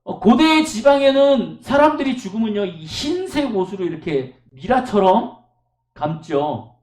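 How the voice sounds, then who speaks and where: A male pastor delivers a sermon in an echoey church room, his voice sitting high and swinging widely in pitch. He tells stories with strong emphasis and keeps asking the congregation rhetorical questions. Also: big pitch swings, a little slow, a little mellow. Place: church service.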